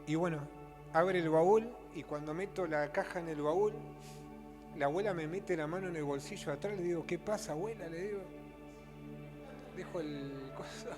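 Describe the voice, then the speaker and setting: High-voiced preacher man. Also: normal speed, pauses often, long reverb tail, music in the background. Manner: animated storytelling, rising to emphatic preaching. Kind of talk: sermon with acted-out stories.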